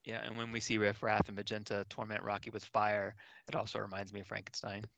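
A man's voice: fairly low pitch, monotone, quick pace, vocal fry, a bit bright, no echo, lo-fi sound. A man co-hosting a podcast, making wry, joking remarks about a film. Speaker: podcast co-host. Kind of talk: casual movie discussion.

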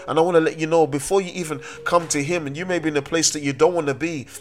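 A man's voice: a little high, fairly even intonation, fast talker, faint music behind. A man preaching a sermon with emphasis, repeating key phrases and drawing out the words he stresses.

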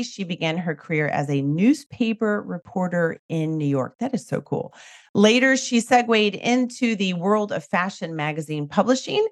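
Middle-aged female podcast host, nasal and stuffed up with a cold, animated intonation, upbeat delivery. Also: medium pitch. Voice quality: nasal, congested. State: under the weather with a cold. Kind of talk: upbeat scripted podcast introduction and chat.

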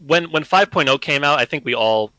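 A man's voice: on the high side, expressive, brisk, sharp tone, dry recording, low-quality recording. A man on a gaming podcast, emphatic, building his points and checking in with listeners. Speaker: podcast guest. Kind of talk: casual gaming discussion.

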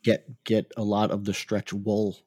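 A man's voice: lowish voice, monotone, unhurried, a little mellow, slightly rough. A man co-hosting a casual podcast, chiming in with short, laid-back remarks about a TV episode. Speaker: podcast co-host. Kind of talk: casual chat.

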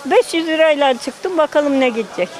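Older female shopper, high voice, emphatic complaints, busy open-air market crowd. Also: expressive, brisk. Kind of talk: street interview. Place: outdoor street market. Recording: noisy outdoor market crowd.

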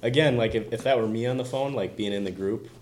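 A man in a casual podcast chat as a real estate agent, talking in quick bursts full of fillers. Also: mid-range voice, a little mellow.

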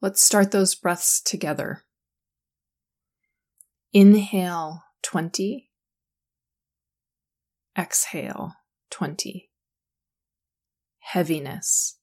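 A woman guiding a sleep meditation in a calm, soothing, slow manner. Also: fairly low pitch. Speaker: meditation guide.

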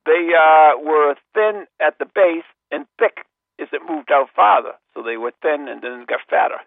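A man's voice: on the high side, normal speed, gravelly, no room sound. A man co-hosting a talk show over a phone line with a headset, his voice thin and tinny. He chats and tells stories in a rambling, joking way and often trails off mid-sentence. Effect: tinny sound through a phone-line headset mic. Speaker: co-host of a paranormal talk show. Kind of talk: casual radio chat and storytelling.

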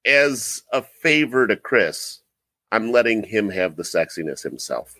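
A man co-hosting a casual podcast chat, joking in a dry, mock-smooth way. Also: fairly low pitch, very animated, unhurried, sharp tone, no room sound. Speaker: podcast co-host.

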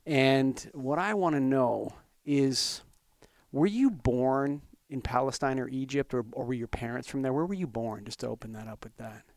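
A man's voice: medium pitch, animated, normal speed, no echo, studio quality. A man hosting a podcast in a loose, casual way, often restarting and stumbling over words. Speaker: podcast host. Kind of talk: casual interview chat.

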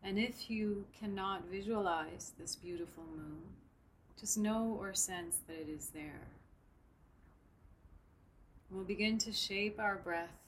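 A woman guiding a breathing meditation in a soft, soothing, unhurried way. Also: mid-range voice, slight background noise, low-quality recording. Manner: slow, soft, soothing instruction. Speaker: meditation guide. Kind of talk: guided meditation.

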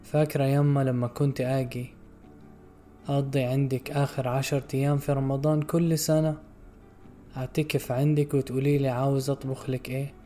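A grieving middle-aged son murmurs to his dying mother, as a male reader puts him on. His voice is soft, choked and pleading, mellow in tone. Faint music sits underneath. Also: mid-range voice, little pitch movement, brisk, close to an everyday voice. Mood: tender pleading.

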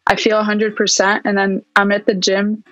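A young woman from Palestine chats casually as a podcast guest and keeps filling her sentences with "like" and "yeah." Her pitch stays flat and level. The sound is a little dull and very dry, with soft music in the background. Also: moderate pace, no echo. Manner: relaxed, lots of "like" and "yeah". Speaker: podcast guest, fitness coach. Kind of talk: casual interview chat.

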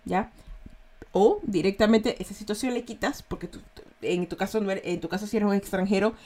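A chatty woman with an Ecuadorian accent, her pitch sitting in an ordinary middle range. She hosts a relaxed slang lesson, explaining expressions with examples and asking her listeners whether they are following. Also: fast. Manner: chatty, checks in with "¿ya?" often. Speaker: host teaching slang.

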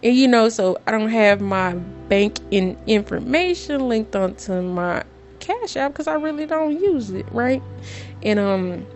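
Middle-aged woman vlogging, casual storytelling, gets excitable, repeats stuff for drama, faint music behind. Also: fairly high pitch, measured pace.

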